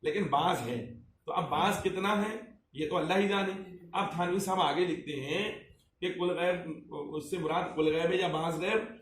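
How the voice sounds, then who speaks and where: Emphatic cleric in an echoey room. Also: male voice, high voice, steady tone, normal speed. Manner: emphatic, rhetorical, asks repeated questions. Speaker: Islamic cleric. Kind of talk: religious discussion, questioning a listener. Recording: echoey room, distant mic, faint ambience.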